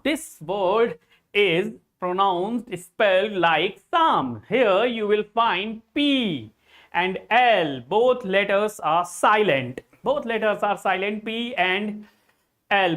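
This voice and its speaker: A man's voice: high-pitched, expressive, takes it slowly, fairly bright tone. A man with an Indian English accent teaching an exam-prep English lesson, repeating key points and addressing his students directly.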